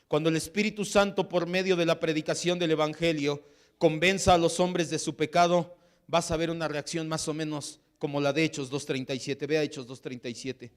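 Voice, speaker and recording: A man's voice: a little high, steady tone, fairly quick. A man with a Mexican Spanish accent preaching a sermon as pastor, with impassioned delivery that acts out the voices he quotes.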